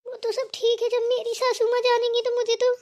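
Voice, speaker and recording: A woman's voice: extremely high pitch, monotone, a little fast, darkish tone. A woman voicing a humble young sister-in-law in a cartoon, speaking in a meek, fretful way. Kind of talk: cartoon voice acting.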